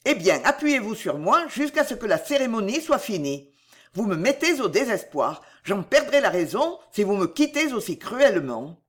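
A woman voicing a proud, passionate young gentleman who pleads earnestly and declaims. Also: medium pitch, very animated, moderate pace, husky. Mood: pleading. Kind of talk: audiobook reading.

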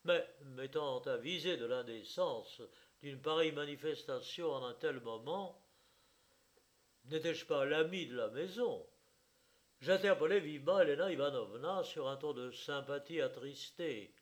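A man narrating an audiobook in a measured, expressive storytelling manner. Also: on the high side.

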